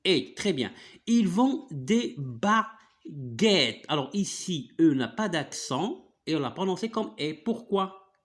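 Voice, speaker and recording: A man's voice: fairly high pitch, animated, a little slow. A man teaching French one-on-one, patiently spelling out sounds and often checking "d'accord?". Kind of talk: one-on-one reading lesson.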